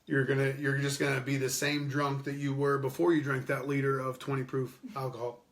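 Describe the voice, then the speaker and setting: Bright-voiced rambling podcast host, a man. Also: mid-range voice, completely flat delivery, a little fast. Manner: loose, rambling and profane, laughing often. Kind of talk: unscripted casual chat with live chat readers.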